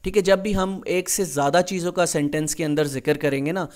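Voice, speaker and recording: Male tutor, lightly raised pitch, unhurried lecturing style with frequent check-ins. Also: steady tone. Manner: slow, deliberate reading of English example sentences, then explains in Urdu-Hindi; repeats "theek hai" often as a check-in. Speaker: English grammar teacher. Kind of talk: recorded exam-prep lecture.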